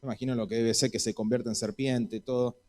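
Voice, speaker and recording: A man's voice: mid-range voice, little pitch movement, fast talker, darkish tone. A man with an Argentine Spanish accent preaching a sermon in a church, acting out Bible dialogue in voices.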